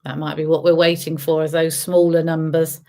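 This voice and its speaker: Hosting an online bingo game, a woman calls the numbers at a moderate pace in a deep, dark voice with little pitch movement. She sings out the traditional rhyming calls with repetition and chats teasingly with the players between them.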